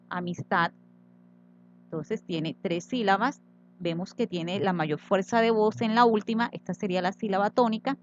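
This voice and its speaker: A woman teacher explaining Spanish syllables and accents slowly and patiently in a recorded grammar tutorial. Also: mid-range voice, muffled recording, slight background noise.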